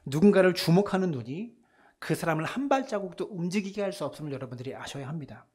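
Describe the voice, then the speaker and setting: Male pastor giving a sunday sermon, kinda husky, goes quiet then loud. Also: a little high, expressive, quick pace. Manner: swings between soft hushed lines and loud emphatic ones; acts out voices in retelling scenes. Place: church.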